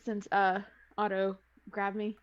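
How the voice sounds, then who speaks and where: A woman's voice: medium pitch, completely flat delivery, slow pace, smooth, muffled recording. A woman talking casually as a player describing her character's moves in a tabletop game.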